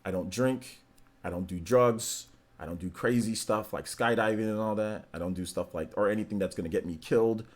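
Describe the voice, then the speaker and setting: A man's voice: on the low side, brisk, darkish tone. A man in his forties hosting a livestream, chatting casually with viewers in a laid-back, rambling, slangy way. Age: 40s. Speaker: streamer host. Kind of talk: casual livestream chat reading viewer messages.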